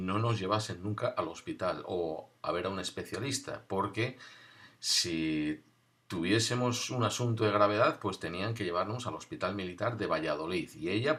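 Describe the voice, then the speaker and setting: A man from tells a personal story from his school years in a conversational, wry way, pausing and restarting as he recalls. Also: lowish voice, a bit bright.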